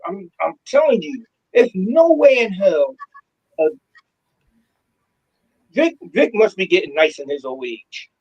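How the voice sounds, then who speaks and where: A man's voice: sits high, very animated, takes it slowly, long pauses, darkish tone, husky, muffled recording. A man co-hosting a casual sports podcast, fired up and slangy, repeating himself as he makes his point. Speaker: podcast co-host.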